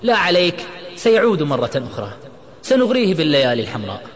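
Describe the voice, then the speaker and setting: A man narrator voicing an angry, reckless young man who shouts and pleads in a dramatic audio story. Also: fairly high pitch, sing-song, rapid-fire, long reverb tail, pitched above the performer's own voice. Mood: agitated. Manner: shouting, agitated.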